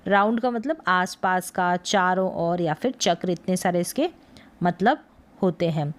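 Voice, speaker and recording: Woman from India teaching a pronunciation lesson at a very slow, patient pace, breaking each word into syllables. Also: on the low side. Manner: sounds out words syllable by syllable. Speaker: English teacher.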